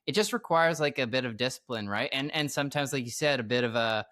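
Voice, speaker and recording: A man's voice: mid-range voice, animated, fast talker, sharp tone, no echo, clean studio sound. A man hosting a casual interview, encouraging and prompting with "right?". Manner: encouraging, frequent "yeah" and "right?". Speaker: podcast host.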